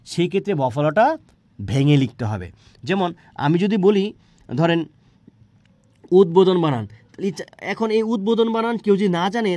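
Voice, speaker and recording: A man teaches spelling rules, and he talks very fast. His voice sits a little high, and he keeps asking and answering his own questions. The sound is dry and close. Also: a little mellow, no room sound. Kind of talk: spelling lesson for exam prep.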